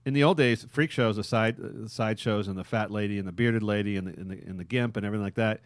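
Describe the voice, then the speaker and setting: A man's voice: lowish voice, fast talker, no room sound, studio quality. A man hosting a podcast, rambling crudely with frequent laughter. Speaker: podcast host. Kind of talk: casual crude podcast banter.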